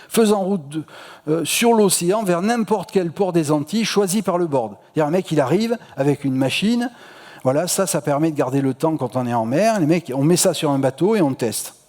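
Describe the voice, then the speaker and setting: A man's voice: on the high side, a little mellow. A man with a Marseille accent giving a casual popular-science talk at a festival, slangy and full of hesitations. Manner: chatty, slangy, many hesitations. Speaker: public lecturer. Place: lecture hall at an astronomy festival. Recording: reverberant lecture hall.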